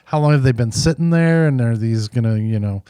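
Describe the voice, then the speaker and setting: A man's voice: medium pitch, brisk, dark tone, clean tone, dry recording. A man co-hosting a casual podcast, joking and teasing his co-host in easy banter. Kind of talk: casual chat.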